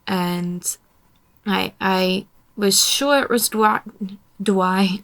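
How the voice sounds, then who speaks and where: Tired woman, creaky voice. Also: medium pitch, fairly bright tone. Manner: tired, yawning, self-deprecating grumbles. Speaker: artist narrating her painting. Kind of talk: casual voiceover.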